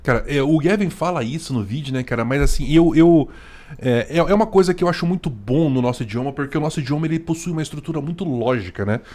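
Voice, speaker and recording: A man's voice: a little high, animated, fast talker, darkish tone. A Brazilian man hosting a casual reaction commentary, chatty and slangy, tagging his sentences with "né" and "cara". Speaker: host reacting to a video.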